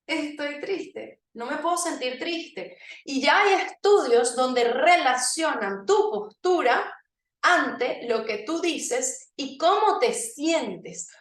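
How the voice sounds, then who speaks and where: A woman presenting a motivational workshop, speaking straight to her audience and leading them through exercises with frequent check-ins. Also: high voice. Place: room with a live audience. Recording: echoey room, voice from a distance.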